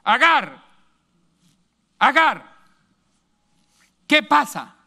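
The angel of the Lord, as a preacher puts him on. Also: male voice, very high voice, big pitch swings, extremely slow, creaky, bright, forceful tone, pitched above the performer's own voice, exaggerated voice. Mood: calling, consoling. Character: angel of the Lord calling from heaven, gentle. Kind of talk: sermon retelling.

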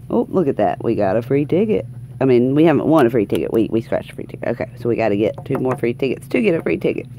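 Filmed hands-only at an indoor tabletop, a woman with a Southern US accent hosts a lottery scratch-off video. Her voice rumbles low with a dark, sing-song tone, and she talks fast, exuberant and folksy, repeating phrases for emphasis in casual vlog chat. Slight background noise is present.

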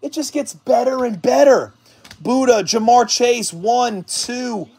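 High-voiced hyped man ripping cards. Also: slow pace, creaky, breathy edge. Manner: hyped, shouting exclamations between calm card callouts. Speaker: card break host. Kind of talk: excited card-break stream.

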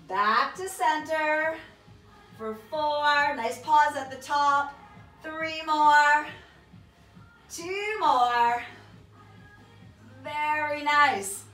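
An echoey room carries the bright voice of a woman leading an exercise class from a little way off the mic. She gives short, encouraging cues and counted repetitions, with music playing behind her. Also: sits high, recorded from a distance. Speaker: fitness instructor. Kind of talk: workout coaching with counted cues. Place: small carpeted home exercise room, indoors. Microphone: camera across the room.

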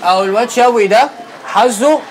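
A man's voice: extremely high pitch, fairly quick, slight background noise. An actor playing a joking young Egyptian man in teasing street banter. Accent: Egyptian Arabic.

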